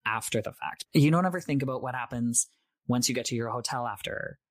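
A man's voice: mid-range voice, a little fast, no room sound, clean studio sound. A man being interviewed as a guest, talking in a chatty, candid way. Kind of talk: casual interview chat.

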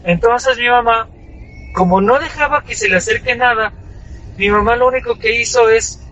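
Man, high-pitched voice, first-person horror story, halting and shaken. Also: bright, forceful tone, rough recording. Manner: halting, shaken retelling with many restarts. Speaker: storyteller sharing a personal experience.

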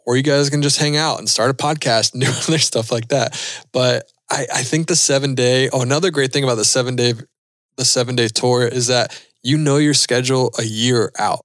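A man in his thirties talks casually through listener questions on a podcast, easygoing and unhurried, stopping for small fillers as he thinks. His voice sits at an ordinary middle pitch. The recording is dry and close, with no room sound. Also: a bit bright, no echo. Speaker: podcast host and pilot.

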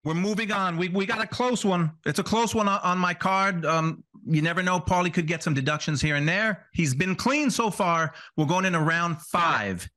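A man's voice: sits high, moderate pace, few pauses, pushed and bright. A man hosting and judging a sports debate round by round. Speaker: host and debate judge.

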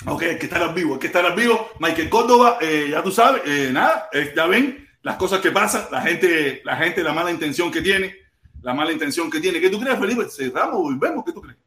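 Cuban male livestream host, high animated voice, echoey room. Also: brisk. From Cuba. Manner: playful, loud, repeats himself, bursts into shouts. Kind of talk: casual live chat.

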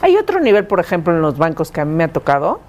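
A woman's voice: fairly low pitch, fast. A woman co-hosting a casual podcast chat, acting out little scenes as she talks. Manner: expressive, acts out scenes. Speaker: podcast co-host.

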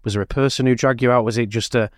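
A man's voice: medium pitch, fairly even intonation, rapid-fire, dry recording, clean studio sound. A man conducting a conversational sports interview, asking chatty questions that often come in several parts. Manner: chatty, long multi-part questions.

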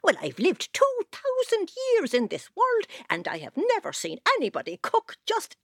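A woman voicing a sly, ancient male fairy changeling in a storybook tale, speaking slowly and low with a puzzled, questioning manner. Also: wildly swooping pitch, no room sound, studio quality, full character voice. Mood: indignant.

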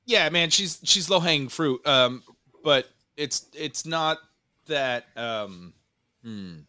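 A man co-hosting a podcast with a nasal voice, joking about himself in halting casual talk. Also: a little high, lively intonation, pushed and bright. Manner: joking, self-mocking, halting. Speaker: podcast co-host.

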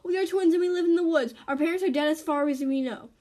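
A woman's voice: very high voice, fast talker, warm tone, voice pushed up. A woman voicing an eleven-year-old girl stranded in the woods with her twin, anxious and urgent.

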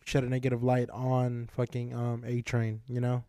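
A man co-hosting a podcast in casual, rambling chat, swearing and clearing his throat often. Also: mid-range voice, monotone, normal speed, dark tone, no room sound, studio quality. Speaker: podcast co-host.

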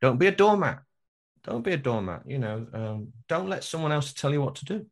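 A man's voice: medium pitch, sing-song, fairly quick. A man talking as an interview guest, emphatic, repeating phrases and slipping into acted-out dialogue to make his point. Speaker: podcast guest, workshop trainer. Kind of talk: animated conversational interview talk.

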